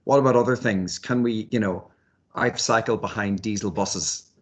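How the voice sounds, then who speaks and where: A man's voice: lowish voice, normal speed. A man giving thoughtful, hesitant interview answers, often repeating words as he works out his ideas. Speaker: university lecturer and researcher, interviewee.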